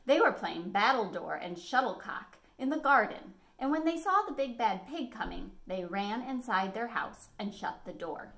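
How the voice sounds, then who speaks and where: A middle-aged woman hosting storytime, reading a picture book to children with animated, dramatic emphasis. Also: a little high, moderate pace, few pauses. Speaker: library storytime host. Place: living room at home, indoors.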